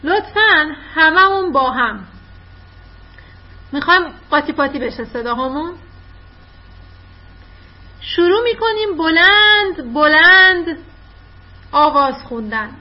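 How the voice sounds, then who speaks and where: A woman teaching children in an online class, encouraging them and quick with praise. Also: high voice, lively intonation. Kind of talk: online class, coaching children to read aloud. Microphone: video call. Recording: dull lo-fi online call audio.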